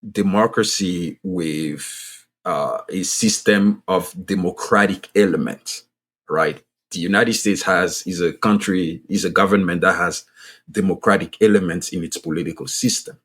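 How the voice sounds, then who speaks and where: A husky, low-sitting male voice belongs to a podcast guest, an economist and author from Ivory Coast. His first language is French and he has a French-speaking Ivorian accent. In an earnest manner, he repeats and restarts phrases to drive his point home.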